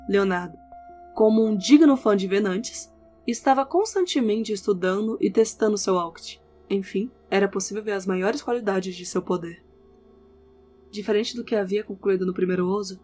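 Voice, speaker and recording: Over background instrumental music featuring guitar, a woman with a medium-pitched, darkish voice reads scripted narration as the narrator of an audio novel.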